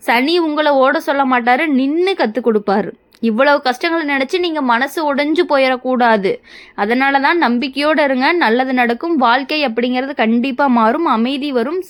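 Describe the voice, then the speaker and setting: A woman presenting a horoscope in a reassuring, scripted way, speaking straight to the listener. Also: high voice. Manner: reassuring, repetitive, direct address to listener. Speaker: astrology presenter.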